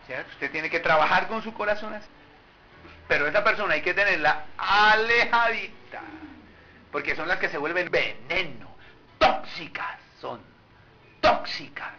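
A man preaching a sermon, animated and full of rhetorical questions put to his congregation. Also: high-pitched, moderate pace. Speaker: pastor. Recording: muffled recording with faint background noise.

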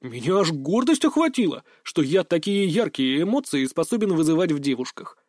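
A man's voice: a little high, sing-song, normal speed, darkish tone, dry recording, clean studio sound. A man narrating a first-person audiobook in a wry, mocking manner.

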